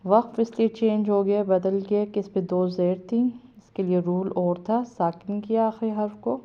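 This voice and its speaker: A woman with a Pakistani Urdu accent teaching Quran reading, spelling out letter sounds slowly and then explaining the rules quickly. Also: mid-range voice, fairly even intonation, warm tone, highs cut off. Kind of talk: step-by-step spelling lesson.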